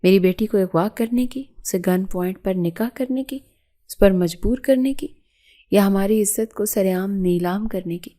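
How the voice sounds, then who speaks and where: A woman's voice: mid-range voice, warm tone, lightly acted. A woman voicing an enraged older father in an audio story, bitter and roaring. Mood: furious. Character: furious older father, proud head of family.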